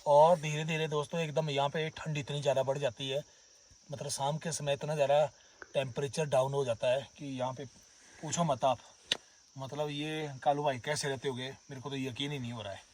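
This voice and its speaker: Himachali male vlogger, chatty and friendly, slightly high voice, outdoor camera mic at a distance. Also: fairly even intonation, brisk, darkish tone, a little hiss or hum. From Himachal Pradesh, India. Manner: chatty, addresses viewers as friends and brothers. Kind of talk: casual vlog narration. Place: outdoors at a forest herders' camp.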